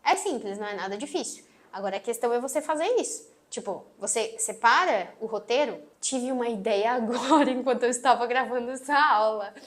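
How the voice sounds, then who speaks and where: A woman with a Brazilian accent and a sweet, gentle voice, teaching an online course lesson and closing her phrases firmly. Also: fairly high pitch, fairly quick, few pauses. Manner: emphatic, closes phrases firmly. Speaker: marketing instructor. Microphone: phone on tripod.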